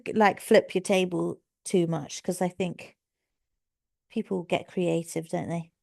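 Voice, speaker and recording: A woman's voice: fairly low pitch, fairly even intonation, measured pace, vocal fry, dark tone. A woman co-hosting a podcast in casual chat, upbeat and reasoning things through. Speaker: podcast co-host.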